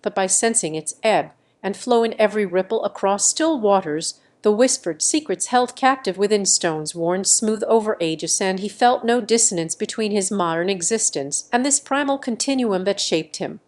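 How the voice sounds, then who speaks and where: A woman with a medium-pitched voice reads a bedtime story aloud. She keeps a calm, slow, soothing delivery suited to drifting off to sleep. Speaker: narrator. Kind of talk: scripted bedtime story narration.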